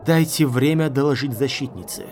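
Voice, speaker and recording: A man's voice: medium pitch, normal speed, darkish tone, a little hiss or hum, lightly acted. A man voicing a weary, defiant young leader. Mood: determined. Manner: determined, bold.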